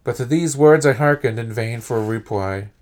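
A man reads a horror story aloud for his podcast. He sets each phrase down deliberately with measured pauses. His voice sits at an ordinary middle pitch. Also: a little mellow. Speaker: podcast host and reader. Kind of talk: dramatic horror story reading.

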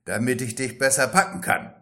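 Brief: a man voicing a sly storybook wolf, low and sly. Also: moderate pace, bright, forceful tone, close to an everyday voice. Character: sly hungry wolf from a fairy tale.

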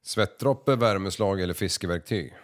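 A man hosting a casual podcast quiz, reading out odd words, swearing often and stumbling over his words. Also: sits low. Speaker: podcast host. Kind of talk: casual chat, quiz game.

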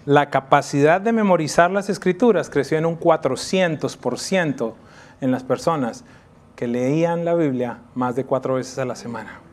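A man in his thirties preaches a sermon to his congregation in a church, his voice sitting a little high for a man. He grows animated and lifts his voice to drive home a point. He slows right down when he reads scripture aloud. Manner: animated preaching, voice rising for emphasis. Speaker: pastor.

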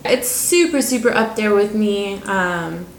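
A woman's voice: mid-range voice, measured pace, creaky. A woman co-hosting a casual board game review chat, enthusiastic and gushing, with lots of ums and casual swearing. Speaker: board game show co-host. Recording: roomy echo, faint noise.

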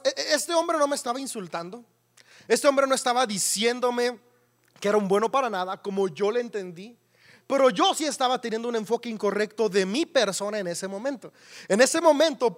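A Mexican man preaching in a very high voice. He tells a personal story to the congregation in a casual, animated way and keeps asking the listeners rhetorical questions. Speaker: pastor.

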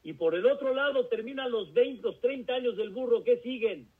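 A man's voice: extremely high pitch, normal speed, husky. A man with a Mexican accent, a rabbi preaching a sermon with rhetorical questions and folksy stories. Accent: Mexican Spanish. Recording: tinny phone-like recording.

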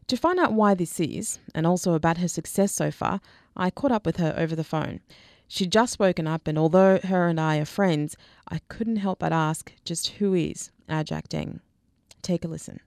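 A woman host reads a scripted podcast introduction at a steady, measured pace. Her voice is slightly low for a woman. The sound is dry and close, with no room around it. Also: vocal fry, no echo. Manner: measured, read-aloud introduction. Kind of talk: scripted narration.

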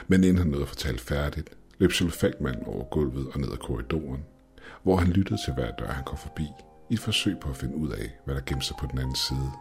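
Very deep male narrator for horror story, grim, measured, soft music under. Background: faint music.

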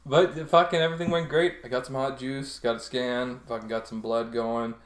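A man's voice: medium pitch, flat delivery, normal speed. A young man casually telling a rambling story, swearing freely and laughing often. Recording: echoey room.

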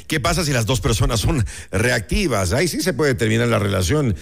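A man's voice: mid-range voice, animated, fairly quick, creaky. A man hosting a radio interview, asking conversational questions. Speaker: radio host.

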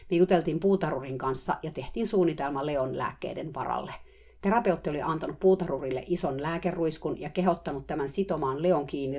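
A woman's voice: low voice, darkish tone, breathy edge. A woman telling a diary-style story in a wry, matter-of-fact way. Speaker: narrator.

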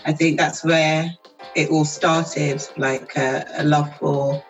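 A woman, a guest on an interview podcast. She talks in a relaxed, chatty and thoughtful way and laughs often. Faint music runs underneath her voice. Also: sits low, slow pace, rough recording. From South East London, England. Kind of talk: casual interview chat.

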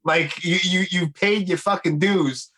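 A man's voice: high voice, a little slow. A man with a Brooklyn accent hosting a podcast, chatting casually and bluntly with plenty of slang and swearing. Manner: blunt, swearing, animated storytelling full of slang. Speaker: podcast host. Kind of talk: casual conversational chat.

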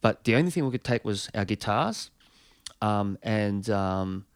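A man's voice: lowish voice, animated, unhurried, smooth, no room sound, studio quality. A touring musician, a man, telling a long anecdote with a rambling manner full of fillers and restarts.

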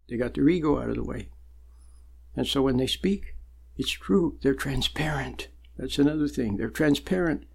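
Gravelly, husky man giving a slow sermon. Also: mid-range voice, darkish tone. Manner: slow and deliberate, with long pauses and sudden emphatic rises. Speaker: spiritual teacher. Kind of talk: sermon-like spiritual talk.

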